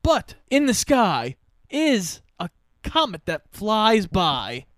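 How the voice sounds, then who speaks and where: A man's voice: high-pitched, wildly swooping pitch, takes it slowly, a bit bright, no room sound, clean studio sound. A young man co-hosting a casual movie review podcast, recapping the plot in an easygoing way. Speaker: podcast co-host.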